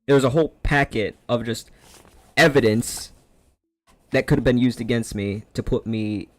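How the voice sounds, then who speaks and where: A man rants casually over a game he is playing. He swears freely and tells his story with a sarcastic, rambling edge. His voice sits at an ordinary middle pitch and sounds close and dry, with no room echo. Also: normal speed. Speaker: streamer. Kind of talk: casual rant over gameplay.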